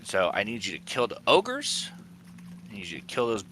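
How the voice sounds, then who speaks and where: A man's voice: fairly low pitch, wildly swooping pitch, fairly bright tone, a little hiss or hum. A man voicing a scheming young male goblin lookout who is crude, pushy and foul-mouthed. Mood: plotting. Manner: wheedling, foul-mouthed, talks fast in bursts. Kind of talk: tabletop role-play.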